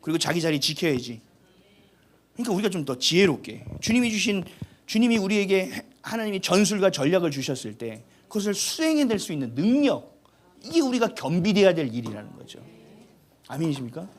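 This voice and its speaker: A male pastor preaching a sermon in an animated, humorous, exhorting way. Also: high-pitched, fairly quick.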